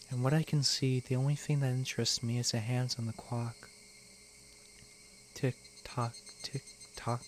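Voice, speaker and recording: A man voices a teenage girl losing her grip on reality under a curse, pitched a touch high. She talks in a frantic, pleading loop and keeps saying the same words over and over. The whole thing plays as a dramatic visual novel reading. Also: a little hiss or hum, natural voice. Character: teenage girl unraveling into curse-driven madness. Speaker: let's play reader voicing all parts.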